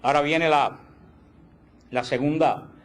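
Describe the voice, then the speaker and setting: A man teaching a catechism class, animated, acting out quoted voices and slowing down to stress key words. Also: a little high. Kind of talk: catechism lecture.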